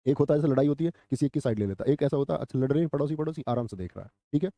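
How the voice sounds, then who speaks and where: A young man runs a live online exam class, firing off questions and repeating each answer for the viewers. His voice is mellow and dark, the pitch rising and falling a lot. The room around him is dry and close. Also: lively intonation, rapid-fire, no echo. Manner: quizzing, repeats answers, addresses viewers as friends. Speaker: exam coaching teacher.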